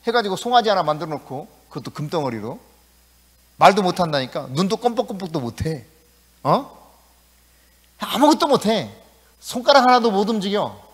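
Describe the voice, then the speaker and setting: A male pastor preaching a sermon in a lively, conversational way in a church. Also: high-pitched, normal speed, long pauses, slightly rough. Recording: echoey church hall.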